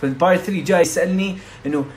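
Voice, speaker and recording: A young man from Saudi Arabia, tutoring casually for an exam, talking quickly and chattily with frequent restarts and English terms mixed in. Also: high voice, a little mellow. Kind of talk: casual explanatory lesson.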